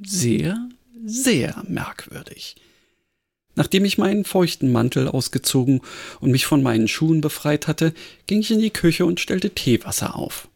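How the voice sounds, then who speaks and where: A man, a podcast host, reading a crime story aloud with expressive storytelling. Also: on the high side, measured pace, gravelly.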